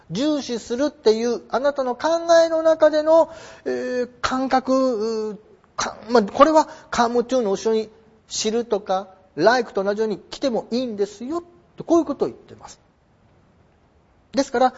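A middle-aged man explains English phrasing in a polite, roundabout lecture style with plenty of fillers. His voice sits high and swings widely in pitch, with a husky edge. The recording is dull and lo-fi. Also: a little mellow. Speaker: English teacher.

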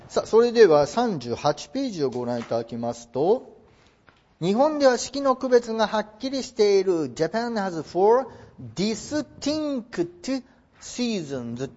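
A husky man with a high, lively voice that swings up and down, teaching English translation. He mixes formal, polite phrasing with joking asides, and the recording sounds dull and lo-fi. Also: measured pace. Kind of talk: classroom lecture on English translation.

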